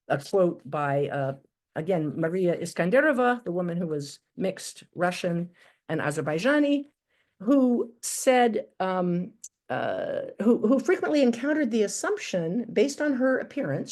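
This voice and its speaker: Woman giving a measured academic lecture. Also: fairly low pitch, darkish tone. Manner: measured, with frequent ums and restarts. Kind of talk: academic talk.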